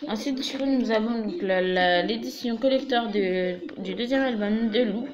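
A young woman with a fairly high voice talks at a moderate pace while showing off her fans to the camera in a small room. Her chatter is full of fillers such as "du coup" and "voilà." The highs are cut off, and crowd noise can be heard.

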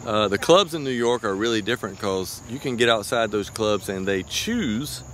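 A man's voice: lowish voice, animated, moderate pace, a bit bright. A man interviewing people outdoors in a casual, playful, chatty way. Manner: chatty, playful, laughs easily. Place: outdoors by railroad tracks. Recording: outdoor insect noise. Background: crickets and insects.

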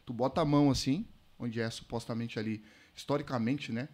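Podcast guest, man, mid-pitched, slangy animated storyteller. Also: brisk. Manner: animated storyteller, slangy, calls listeners "mano". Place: podcast studio.

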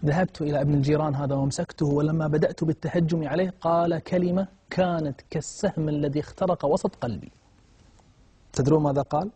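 A man's voice: a little high, steady tone, fast, mellow, breathy edge, dry recording. A man preaching a moral sermon, telling a story in a dramatic, impassioned way that swells at emotional moments.

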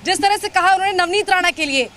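A woman's voice: very high-pitched, fast talker, bright, forceful tone. A woman news reporter delivering a breaking news update with an urgent, repetitive delivery.

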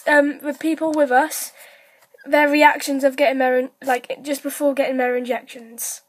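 A woman's voice: high-pitched, flat delivery, moderate pace. A woman vlogger talking casually and rambling to her camera. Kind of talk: casual vlog.

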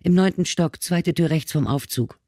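A man's voice: fairly high pitch, warm tone, no room sound, studio quality, pitched above the performer's own voice, natural voice. A man reading an audiobook, voicing a frightened, sobbing young female vendor. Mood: tearful. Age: young adult. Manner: tearful and halting.

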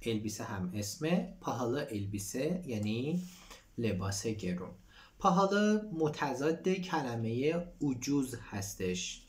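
A man's voice: mid-range voice, big pitch swings, a little mellow. Man teaching Turkish phrases. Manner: reads Turkish lines aloud, then explains them in Persian. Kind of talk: explaining a textbook dialogue.

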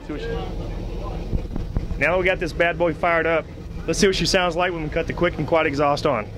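Man, excited boat-dealer host, slightly high voice, faint outdoor noise. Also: a little fast. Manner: upbeat salesy and excited. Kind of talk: enthusiastic boat walkthrough.

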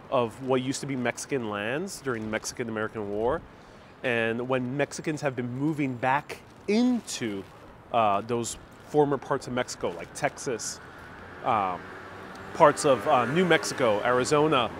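A man's voice: mid-range voice, a little hiss or hum. A man in his thirties from Puerto Rico, chatting and explaining as he walks outdoors, recorded on a phone held at arm's length. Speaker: travel vlogger live-streaming. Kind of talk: casual live-stream narration. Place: outdoors on a city street beside a market.

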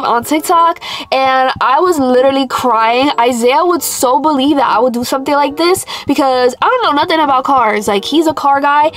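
A young woman chatting casually to camera in a parked car, her nose blocked and nasal as with a broken nose, taking breaths through her mouth. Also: high-pitched. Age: young adult. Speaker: prank vlogger.

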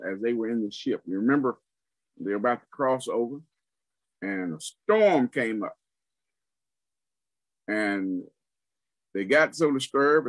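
A man preaching a sermon, teaching slowly and deliberately, repeating phrases for emphasis. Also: medium pitch, no echo, poor audio.

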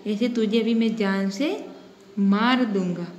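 A woman's voice: mid-range voice, takes it slowly, a little mellow, a little hiss or hum, natural voice. A woman reading as an angry jungle lion. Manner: threatening, scolding. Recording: echoey room.

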